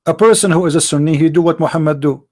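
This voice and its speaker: A man with a somewhat high, warm, mellow voice hosts a live call-in debate. He argues combatively, stacking up rhetorical questions one after another. His English is fluent but plainly non-native in its grammar. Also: quick pace. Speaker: host of a call-in debate show. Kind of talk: live-stream religious debate talk.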